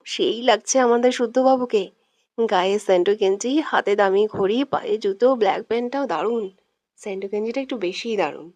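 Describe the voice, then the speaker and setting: A woman's voice: mid-range voice, fairly quick, a little mellow, dry recording, lightly acted. A woman voicing a joking young male friend. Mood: teasing. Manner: joking, coaxing.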